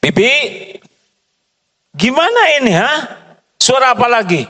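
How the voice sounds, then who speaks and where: A man in a sermon acting out an angry housewife scolding her maid in a high, shrill voice. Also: sing-song, measured pace, a bit bright, slightly rough, big-room sound, heavily acted.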